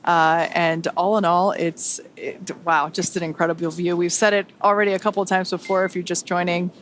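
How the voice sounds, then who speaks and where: A woman's voice: on the low side, brisk. Woman, webcast host, eager and upbeat, faint hiss behind. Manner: excited, laughs easily. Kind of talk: live launch webcast commentary.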